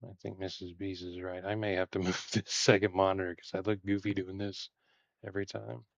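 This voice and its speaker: A man's voice: low voice, brisk, gravelly, no echo, muffled recording. A man with a Texan accent chatting casually on a live stream while building Lego, rambling with lots of fillers. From Texas. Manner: relaxed, rambling with many fillers.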